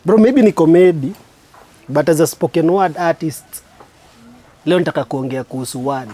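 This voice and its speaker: A man with a Kenyan accent, a spoken word artist hosting his show, giving a preachy, reflective monologue with slow, emphatic stresses. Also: a little high, warm tone.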